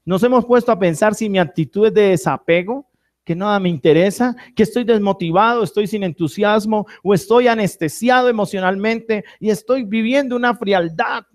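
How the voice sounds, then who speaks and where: A man preaching a sermon to a church congregation, asking questions and having them answer, swinging between loud and soft phrases. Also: high-pitched, moderate pace. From Colombia. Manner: preaching with call-and-response to the congregation. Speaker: pastor.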